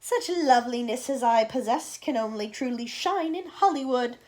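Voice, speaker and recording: A woman voicing a vain, boastful old aunt in a storybook reading, loud and showy. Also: lively intonation, moderate pace, close to an everyday voice. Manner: shrill, showy, self-adoring.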